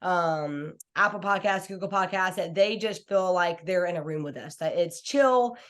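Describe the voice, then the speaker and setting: A woman's voice: lowish voice, normal speed, a bit bright. An American woman in her thirties, hosting a podcast in an informal, conversational, enthusiastic way. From small town in Washington, United States. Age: 30s. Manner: enthusiastic, informal, uses y'all and like. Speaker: podcast host. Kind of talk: chill, conversational interview hosting.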